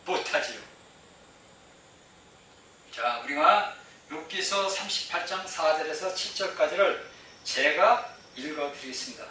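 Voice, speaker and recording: A male pastor preaching with a very bright, sharp tone and a fairly high pitch. He is emphatic, repeating his phrases and putting rhetorical questions to the listeners. The sound is very roomy, picked up from well away from the mic. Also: lively intonation, a little slow, pauses often. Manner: asks the congregation rhetorical questions. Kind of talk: sermon. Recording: very echoey hall, mic far off, faint noise.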